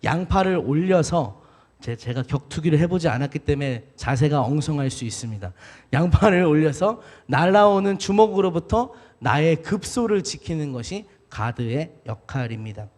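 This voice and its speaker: A young man preaching a sermon earnestly, with shouted exhortations. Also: fairly high pitch, animated, normal speed. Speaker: evangelist preaching a midweek service. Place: church sanctuary.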